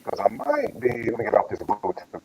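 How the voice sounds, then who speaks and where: A man's voice: lowish voice, huge pitch swings, normal speed, creaky. A man in casual chat on a live stream, his voice muffled and underwater-sounding over a Bluetooth headset, talking in a laid-back, slangy way. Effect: muffled underwater-sounding audio over a Bluetooth headset. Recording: distant muffled Bluetooth audio with noise.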